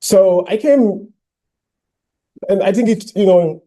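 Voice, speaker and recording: High-voiced man giving a keynote. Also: slow pace. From Ghana. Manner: animated storytelling, frequent "you know" fillers. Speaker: keynote speaker. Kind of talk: personal keynote speech.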